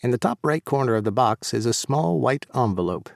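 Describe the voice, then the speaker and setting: A man's voice: mid-range voice, expressive, a little fast, creaky, darkish tone, no room sound. Male audiobook narrator, dry close sound. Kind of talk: first-person romance audiobook narration.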